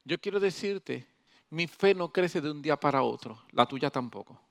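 A male pastor preaching a sermon in an animated way, swinging between loud emphasis and soft asides. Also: fairly high pitch, moderate pace, creaky.

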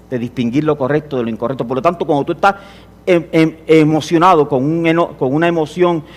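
Male preacher, high-pitched, impassioned sermon delivery, builds to emphatic peaks. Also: a little mellow. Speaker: pastor.

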